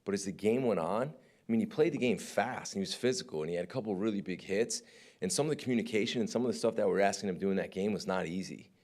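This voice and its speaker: Male defensive coordinator, very deep voice, frank press-conference talker. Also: fast talker, darkish tone. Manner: candid, conversational, often asks "right?".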